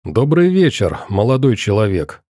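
A man's voice: medium pitch, lively intonation, dark tone, no echo, clean studio sound, lightly acted. A man voicing a coldly polite middle-aged interrogator in an audiobook, courteous and probing. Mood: pointedly polite. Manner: pointedly courteous, probing, deliberate.

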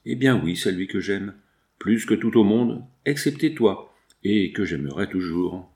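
A man's voice: low-pitched, animated, measured pace, darkish tone. A man reading aloud and voicing a frail young woman in love who pleads tearfully with her father. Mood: pleading. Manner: tearful, imploring.

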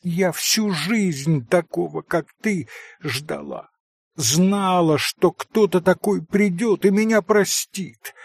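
A man's voice: fairly high pitch, animated, slow pace, creaky, breathy edge, dry recording, studio quality, pitched above the performer's own voice, heavily acted. A man voicing a passionate, proud and volatile young woman, with fiery, wailing outbursts, in an audiobook. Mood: tearful rapture. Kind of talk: audiobook character voice.

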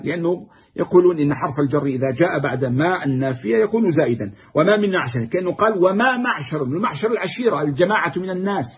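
Husky-voiced man explaining classical poetry. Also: fairly high pitch. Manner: recites verses, then explains them word by word. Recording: dull, muffled lo-fi recording.

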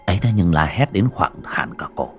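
Low, husky male horror narrator. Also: fairly quick, soft background music. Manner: dramatic, expressive storytelling.

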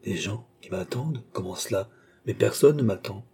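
A man's voice: on the low side, lively intonation, moderate pace, vocal fry, darkish tone, breathy edge, full character voice. A man reading a wary, pleading young woman. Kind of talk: audiobook character reading.

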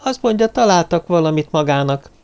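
A man voicing an eager, chatty young woman who talks in excitable bursts, in a storybook reading. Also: low-pitched, clear, resonant tone, pitched above the performer's own voice.

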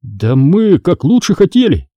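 A man's voice: a little high, sing-song, measured pace, warm tone, dry recording, pitched above the performer's own voice. Man doing a grumbling, aggrieved rescue worker. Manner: grumbling exclamations.

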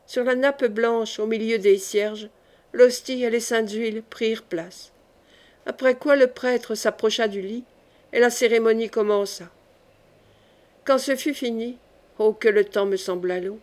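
A woman reading a novel aloud as an audiobook narrator, measured and gentle. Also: fairly high pitch. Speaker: audiobook reader.

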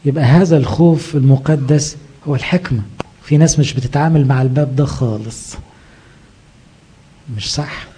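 Husky Egyptian priest preaching. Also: male voice, mid-range voice, moderate pace, pauses often, mellow. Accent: Egyptian Arabic. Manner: asks rhetorical questions and answers them himself. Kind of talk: sermon.

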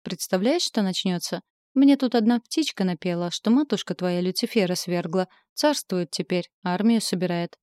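A woman's voice: fairly low pitch, moderate pace, a little mellow, dry recording, clean studio sound, lightly acted. A woman voicing a sneering male demon knight. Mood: mocking. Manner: sneering, taunting. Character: scornful male demon knight, mocking and cruel.

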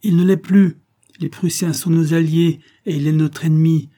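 A man voicing a stout, sharp-tongued innkeeper's wife who scolds coldly, with a husky voice. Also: medium pitch, normal speed, close to an everyday voice. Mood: scolding. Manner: scolding, cold.

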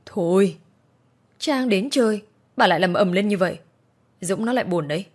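A calm older relative tries to settle a quarrel with mild words, as a woman narrator puts them on. The delivery is gentle. The pitch sits in the middle. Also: normal speed, close to an everyday voice. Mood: soothing.

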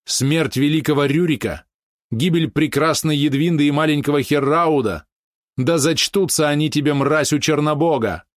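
A man's voice: medium pitch, normal speed, dry recording, clean studio sound, voice pushed up, natural voice. A man voicing a grieving young princess in an audiobook, bitter and accusing. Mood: furious.

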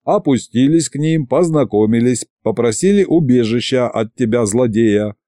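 A man's voice: mid-range voice, expressive, normal speed, dark tone, no room sound, studio quality, close to an everyday voice. A man voicing a greedy, chatty three-headed male dragon who whines and squabbles, read as part of an audiobook. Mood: reporting. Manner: squabbling, whiny, gluttonous chatter.

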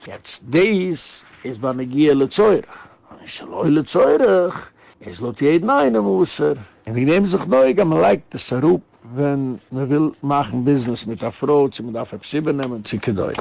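A man, a rabbi, giving an animated lecture and telling stories with sudden rises in pitch. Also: gravelly, dry recording.

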